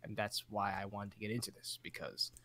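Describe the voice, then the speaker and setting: A man talking earnestly in a casual podcast chat, often halting and restarting his sentences. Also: lowish voice, bright, forceful tone. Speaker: podcast co-host.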